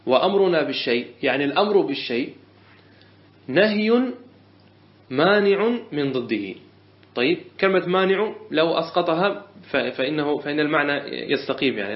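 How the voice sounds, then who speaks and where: A man teaching a classroom lesson on a religious legal text, explaining patiently, repeating phrases and asking and answering his own questions. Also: mid-range voice. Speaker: teacher of Islamic jurisprudence. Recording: echoey lo-fi room recording.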